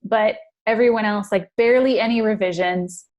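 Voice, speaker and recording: Female interview guest, earnest and animated, laughs easily, mid-pitched voice. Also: normal speed. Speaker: guest brand strategist. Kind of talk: casual interview chat.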